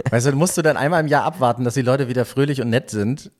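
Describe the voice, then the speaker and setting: A middle-aged man co-hosting a podcast in casual chat, animated and laughing often. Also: mid-range voice, fast. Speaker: podcast co-host.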